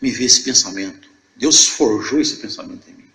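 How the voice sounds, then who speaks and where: An older man from Viçosa, telling his religious testimony as a lively storyteller who acts out the dialogue. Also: medium pitch, normal speed, echoey room. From Brazil, Viçosa. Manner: animated storyteller acting out dialogue. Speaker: church member giving testimony.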